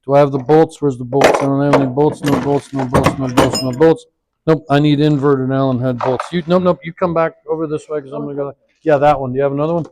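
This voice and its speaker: A man's voice: medium pitch, steady tone, fast, noisy background. A man giving a hands-on workshop demonstration, rambling and thinking aloud as he works, his voice drifting away from the mic. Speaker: equipment trainer.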